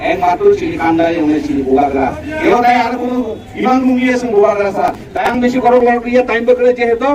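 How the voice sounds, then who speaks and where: Very high-pitched man giving a political rally speech, far-off microphone. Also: racing, echoey room. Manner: exhortative, code-switching, repeating phrases in parallel. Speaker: political candidate addressing an election rally. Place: open market rally. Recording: distant PA microphone with loud crowd noise.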